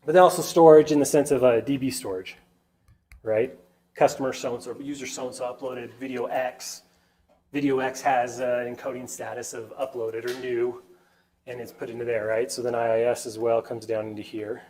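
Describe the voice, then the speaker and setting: A man's voice: mid-range voice, steady tone, normal speed, warm tone. A man presenting at a tech meetup, his voice stuffy and nasal from a sinus cold. He talks through a whiteboard sketch in a loose, chatty way and keeps checking in with the room. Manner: chatty, keeps asking the audience "right?". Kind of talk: casual whiteboard tech talk.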